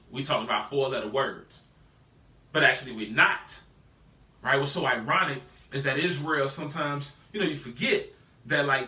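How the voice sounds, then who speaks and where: This is an American man with a medium-pitched voice, far from the mic in an echoey room, teaching a live Bible study. His delivery is lively and slangy, and he keeps asking "right?" of the people listening.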